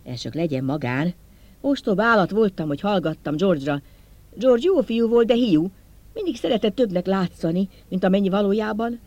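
A man voicing a frightened, hostile, sweating male scholar in an audiobook, talking in an agitated, hissing, loud way. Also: high voice, no room sound, voice pushed up, heavily acted.

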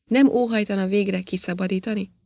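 A woman's voice: medium pitch, fairly even intonation, vocal fry, darkish tone, no echo, natural voice. A woman voicing a weary, sarcastic male astronaut in an audiobook, speaking in a dry, put-upon way. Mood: fed up. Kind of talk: audiobook character reading.

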